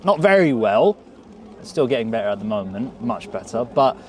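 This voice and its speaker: Outdoors at a street event, an English-accented man who grew up in England talks in a casual interview with a very animated, medium-pitched voice at moderate pace. He's earnest and reflective, repeating words while thinking, and a slight hiss or hum is audible.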